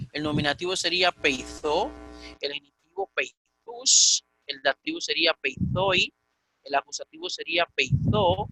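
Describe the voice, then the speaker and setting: A man teaching a Greek grammar lecture, patiently repeating and slowly spelling out word forms. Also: a little high, creaky, bright, forceful tone, no echo, poor audio.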